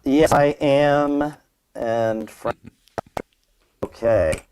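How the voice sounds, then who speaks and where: A man co-hosting a casual tech podcast through a muffled laptop mic that makes him sound like he is at the bottom of a well. He talks in halting bits and restarts his sentences. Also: medium pitch, darkish tone. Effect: muffled laptop mic, like talking from the bottom of a well. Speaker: podcast co-host.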